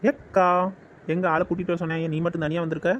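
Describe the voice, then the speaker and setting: A man's voice: a little high, little pitch movement, muffled recording, a little hiss or hum, lightly acted. A man voicing a brash, pushy young village man in a cartoon, ordering people about. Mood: bossy. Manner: bossy, rapid-fire demands. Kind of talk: dubbed cartoon dialogue.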